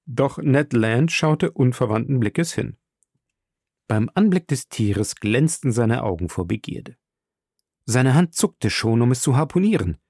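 A man narrating an audiobook in a measured storytelling manner. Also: medium pitch, animated, darkish tone, husky, dry recording, clean studio sound. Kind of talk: scripted narration.

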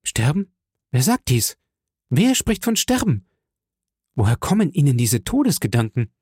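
A man's voice: sing-song, measured pace, a little mellow, husky, dry recording, studio quality. A man reading an audiobook, voicing a grieving noblewoman who pleads for her son, in a raised, strained voice. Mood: alarmed. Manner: pleading, impassioned, high strained voice.

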